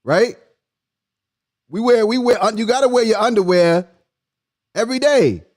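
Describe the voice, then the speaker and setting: A man with a high voice and moderate pace hosts an easygoing live stream. He quizzes and teases his viewers in a playful way, laughs often, and his volume swings from loud to hushed.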